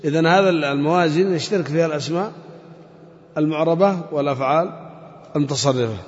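A man's voice: on the high side, fast talker. A man teaching a grammar lesson to a class. He explains step by step, repeats key terms and quizzes his students. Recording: muffled audio with long hall reverb.

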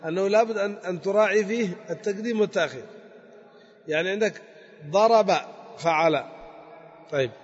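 A man's voice: sits high, fast, pauses often. A man teaching a grammar lesson, explaining step by step and repeating key words. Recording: dull lo-fi recording with long hall reverb.

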